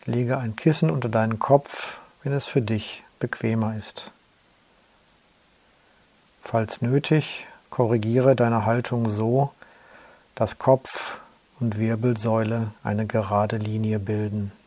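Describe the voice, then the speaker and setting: A man slowly guiding a yoga nidra relaxation in a calm, soothing way. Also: on the low side. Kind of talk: guided relaxation instructions.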